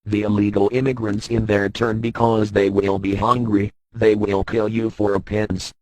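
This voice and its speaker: Anonymous male narrator, disguised deep voice, monotone delivery, dry close sound. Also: normal speed, dry recording, rough recording. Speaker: anonymous speaker reading a message. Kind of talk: read-out political statement.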